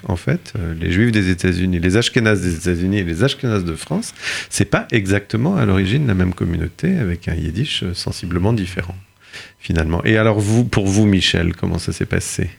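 A male radio host with a very low, gravelly voice that sinks into fry. He explains things at length and pauses often on filler sounds as he interviews his guests. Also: animated, darkish tone. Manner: explanatory, hesitant with frequent fillers.

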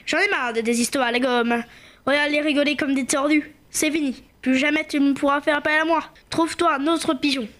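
A man's voice: extremely high pitch, steady tone, fairly quick, bright, forceful tone. A young performer voicing a grumpy, suspicious male wolf who talks back indignantly. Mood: fed up. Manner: sulky, indignant back-talk.

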